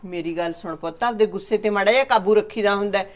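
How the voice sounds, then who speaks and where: An actress playing an older village mother who tries to calm her angry son. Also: medium pitch, fast, close to an everyday voice. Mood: soothing. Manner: soothing, mediating.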